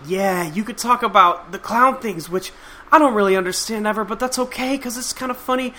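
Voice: medium pitch, fairly quick, bright, forceful tone, pitched above the performer's own voice, natural voice. A reader voicing a timid young male troll who talks hesitantly and stammers politely.

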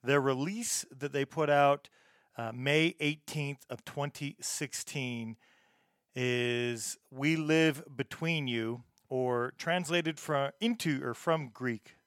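A man talks casually as a music show host. His voice is clean and smooth at a middling pitch, in a very dry recording. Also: slow pace, fairly bright tone, no echo.

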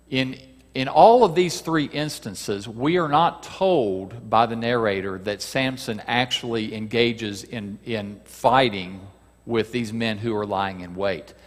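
A man delivers a sermon in a conversational way, asking his listeners questions as he teaches. He reads scripture aloud and acts out dramatic quotes with a raised voice. His mid-pitched voice rings with the long reverb of a large hall. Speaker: preacher teaching a Bible lesson.

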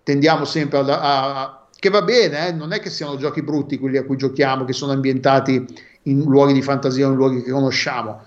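A man's voice: mid-range voice, steady tone. A man co-hosting a podcast, chatting casually and stopping to restart his sentences, heard over an online call line. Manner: halting, full of restarts. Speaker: podcast co-host. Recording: dull lo-fi call audio.

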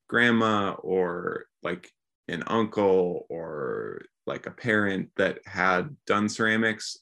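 A man's voice: low voice, gravelly, a bit bright. A man co-hosting a podcast in casual chat, joking and poking fun at himself. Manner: joking, self-mocking, acts out little quoted exchanges. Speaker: podcast co-host.

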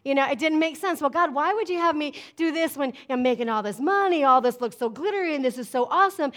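A woman's voice: sits high, expressive, quick pace, fairly bright tone. A middle-aged woman pastor preaching a sermon, emphatic and conversational, often asking her congregation "amen?". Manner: emphatic, call-and-response preaching with frequent "amen?".

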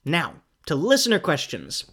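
A young American podcast host talks through listener questions in a casual monologue. The voice sits at a middle pitch and swings up and down a lot. The host slips in wry, self-mocking jokes. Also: huge pitch swings, moderate pace, background noise. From United States.

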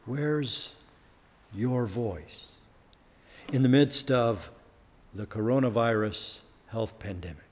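A man preaching a sermon as pastor, earnest, building to emphatic peaks and then dropping low. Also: takes it slowly, long pauses, a little mellow, big-room sound.

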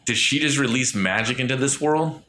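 A man in casual chat, excitable and profane, piling on vivid detail. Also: mid-range voice, brisk.

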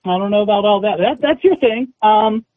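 A man's voice: high voice, a little fast. A man working as a casting agent, talking hesitantly with many restarts, heard over a phone speaker. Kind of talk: phone call. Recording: tinny phone line.

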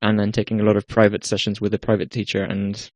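A man's voice: on the low side, completely flat delivery, fast, darkish tone, no room sound. A young man from Iceland with an Icelandic accent, a guest musician talking casually about his path and often restarting his sentences. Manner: hesitant, many restarts and fillers. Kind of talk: casual interview talk.

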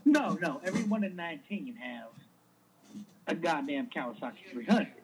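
A man's voice: fairly high pitch, big pitch swings, normal speed, poor audio. A man putting on a goofy hospital phone operator with a Southern US drawl, rambling nonsense in a prank call. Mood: deadpan.

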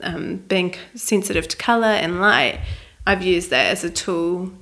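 Young New Zealand woman with gravelly voice. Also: on the low side, measured pace, a bit bright. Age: young adult. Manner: chatty, many "like" fillers, laughs easily. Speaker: wedding photographer, guest. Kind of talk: casual interview chat. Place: flat at home.

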